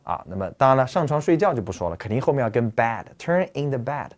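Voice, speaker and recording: Animated man teaching English vocabulary. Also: medium pitch, fast. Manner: animated, asks listeners rhetorical questions, repeats key words. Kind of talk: explanatory lecture.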